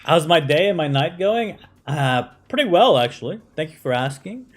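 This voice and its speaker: A man's voice: on the high side, expressive, normal speed, soft background music. A man who grew up in the United States, chatting casually on a game live stream, answering chat with lots of fillers and "right?" tags.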